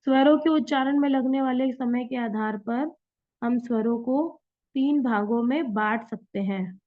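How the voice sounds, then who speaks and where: A woman's voice: on the high side, unhurried. Female teacher, online lesson, patient explainer, muffled call audio. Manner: patient, explains step by step with examples. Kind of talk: online Hindi grammar class. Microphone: video call. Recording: dull lo-fi online class audio.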